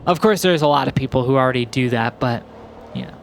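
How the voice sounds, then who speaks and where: A young man giving relaxed, rambling commentary over gameplay, full of fillers and restarts. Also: mid-range voice, quick pace, creaky, slight background noise. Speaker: gaming commentator. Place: home, recorded in post.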